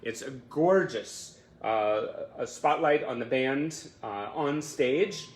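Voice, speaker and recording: Speaking slowly at a medium pitch, a man hosts a casual fan livestream, gushing effusively and encouraging his audience. He's in an indoor room, streaming live online. The sound has a roomy echo and faint background noise.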